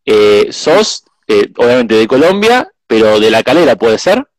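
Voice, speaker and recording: A man with an Argentine Spanish accent hosting a podcast interview, pausing often with repeated words and fillers. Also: mid-range voice, big pitch swings, dry recording, low-quality recording. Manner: warm-hearted, hesitant with many eh and repeated words. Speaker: podcast host. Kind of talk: casual interview chat.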